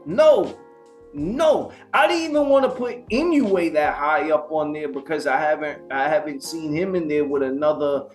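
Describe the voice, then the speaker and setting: A man co-hosting a casual boxing podcast, ranting in a heated, profane, animated way. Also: fairly high pitch, moderate pace, few pauses, soft background music. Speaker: podcast co-host.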